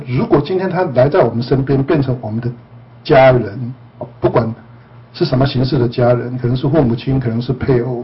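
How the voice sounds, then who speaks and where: Husky-voiced man teaching with playful laughs. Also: mid-range voice, muffled recording. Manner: playful, laughs often, teasing. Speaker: spiritual teacher and counselor. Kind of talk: joking talk to a group.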